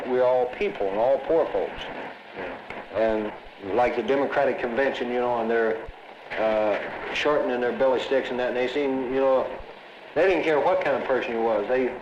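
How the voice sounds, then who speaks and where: A man's voice: medium pitch, fairly even intonation, moderate pace. Man, loose easygoing talk, echoey dull old film audio with hiss. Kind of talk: casual interview talk. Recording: echoey lo-fi 1960s film sound with noise.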